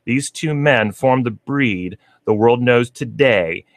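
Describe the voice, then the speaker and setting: A man's voice: medium pitch, slow pace, no room sound. A man hosting a casual radio talk show, reading facts aloud with chatty asides and frequent laughs. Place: radio studio.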